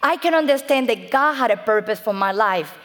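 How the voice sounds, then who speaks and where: A woman's voice: on the high side, lively intonation, fairly quick. A middle-aged woman from Cuba with a Cuban Spanish accent, a native Spanish speaker giving an earnest church testimony, reading scripture and calling for amens. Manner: earnest, preaching, reads scripture aloud, calls out amen to the audience. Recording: long reverb in a large hall.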